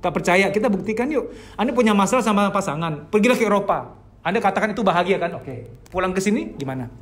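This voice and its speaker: Male therapist-lecturer, high voice, lively and expressive delivery. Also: quick pace. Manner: animated, acts out the inner voices of clients. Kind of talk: spoken psychology lecture.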